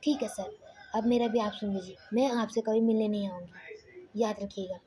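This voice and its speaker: A woman's voice: medium pitch, fairly even intonation, moderate pace, warm tone, slight background noise, natural voice. A woman doing a defiant young bride. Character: defiant young bride, angry at her father.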